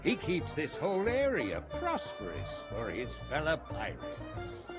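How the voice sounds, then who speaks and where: A man's voice: on the high side, wildly swooping pitch, a little slow. A man voicing a weathered, chatty pirate lounging in a tavern in a video game, telling tales in a drawling storyteller's manner. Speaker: non-player character. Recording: game audio with music bed. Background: game music.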